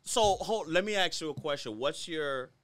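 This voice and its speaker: A man's voice: fairly high pitch, expressive, moderate pace, fairly bright tone. A man hosting a casual podcast interview, talking in a colloquial, wordy way and often checking in with little tag words. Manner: colloquial, wordy, peppered with tags like 'right' and 'you know'. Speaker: podcast host.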